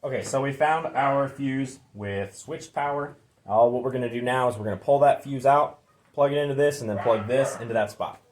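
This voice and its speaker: Working away in his garage, a DIY vlogger talks viewers through the task in a relaxed, informal how-to style. He speaks at a medium pitch and normal speed, with a little hiss or hum on the recording.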